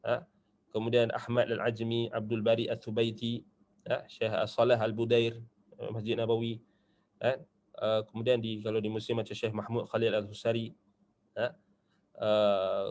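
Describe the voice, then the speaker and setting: A man's voice: mid-range voice, creaky. A man with a Malaysian Malay accent teaching a religious class in a loose, conversational way, dotting his points with short asides and checks for agreement. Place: Islamic study centre classroom.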